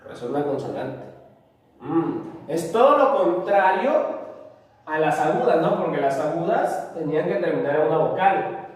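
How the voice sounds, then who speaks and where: A man's voice: sits high, darkish tone. A man teaching a spelling lesson, speaking patiently, repeating key words and asking rhetorical questions to check understanding. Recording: very echoey room, distant mic.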